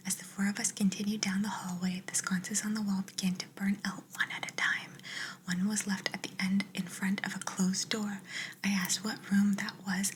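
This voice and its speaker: A young adult woman, an ASMR creator, reading viewers' stories in a soft, steady whisper. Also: mid-range voice, a little hiss or hum, poor audio.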